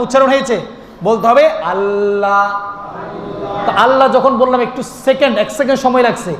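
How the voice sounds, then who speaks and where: A man's voice: very high voice, fairly bright tone, a little hiss or hum. A man preaching a waz sermon, rhythmic and repetitive, asking the crowd questions and chanting at times. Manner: chants and sings the name of God. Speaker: Islamic preacher. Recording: echoing amplified sound in a long reverberant space.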